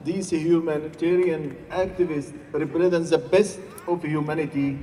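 A man from Gaza, giving an impassioned protest speech at an outdoor rally, sometimes rising to shouts. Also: a little high, steady tone, moderate pace. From Gaza, Palestine. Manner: forceful, rising to shouts at times. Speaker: rally speaker. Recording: distant reverberant rally recording with faint noise.

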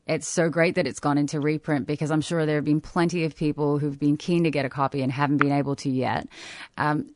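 A woman hosting a community radio breakfast show, her voice low and even. She talks in a friendly, chatty way with a few fillers. The sound is dry and close to the mic. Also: dry recording. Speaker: radio host.

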